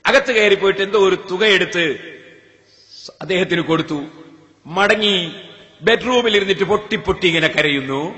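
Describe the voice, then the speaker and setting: A man's voice: sits high, moderate pace, long pauses, sharp tone. A man preaching a sermon on a Quran chapter, in a melodic, chanting delivery full of rhetorical questions to his listeners. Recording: long hall reverb.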